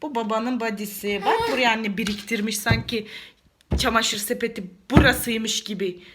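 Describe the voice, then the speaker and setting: A woman's voice: on the high side, moderate pace. A woman in her thirties chatting casually in a home vlog, talking to her son in doting baby talk. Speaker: vlogger mother. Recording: loud background noise.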